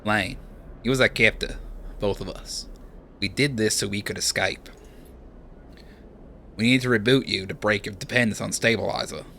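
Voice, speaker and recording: A man's voice: fairly low pitch, normal speed, creaky, pauses often, pushed and bright, slight background noise. A man voicing an anxious young male pilot on the run, with a put-on Australian accent and an urgent, frustrated manner. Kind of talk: reading game dialogue aloud.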